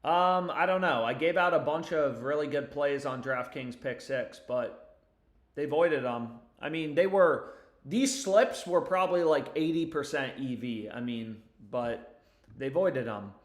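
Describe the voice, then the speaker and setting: A man's voice: a little high, measured pace. A young man chatting casually as a livestream host, with sweary frat-bro slang. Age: young adult. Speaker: livestream host giving betting picks. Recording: roomy, echoey indoor sound.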